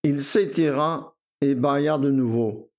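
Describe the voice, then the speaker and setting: A man narrating a literary story in a measured, deliberate reading voice. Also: mid-range voice, gravelly, darkish tone.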